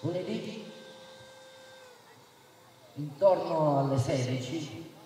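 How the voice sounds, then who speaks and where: Booming, slow-paced man orating at an echoing rally. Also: warm tone. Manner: booming, declamatory public oratory. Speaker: mayoral candidate. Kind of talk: political rally speech. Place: outdoor town square rally. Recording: echoey distant PA with crowd, faint noise.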